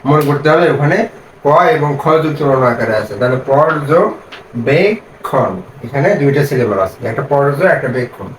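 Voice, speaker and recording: Guy teaching syllables slow, kinda echoey, faint room hum. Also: medium pitch, lively intonation. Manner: patient, asks questions and answers them himself; slowly spells out syllables. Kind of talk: step-by-step reading lesson. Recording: echoey room, mic set far off.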